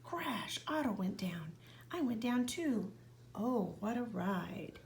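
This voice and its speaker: A woman reading a children's picture book aloud, with expressive narration that often drops to a whisper. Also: fairly high pitch, slow, gravelly, noisy background. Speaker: reader.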